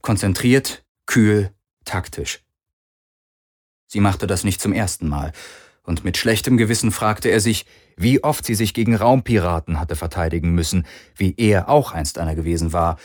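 A man narrating a science-fiction audiobook in a measured, steady way. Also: sits low. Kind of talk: scripted narration.

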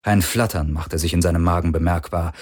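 A man narrating an audiobook with expressive storytelling. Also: deep voice, fairly quick, dry recording, clean studio sound. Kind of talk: scripted narration.

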